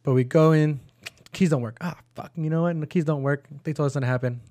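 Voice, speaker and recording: A young man telling a story in a casual chat, animated and full of slang and swearing. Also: fairly high pitch, quick pace, dry recording, studio quality. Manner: animated, swearing, acts out quotes. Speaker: podcast co-host.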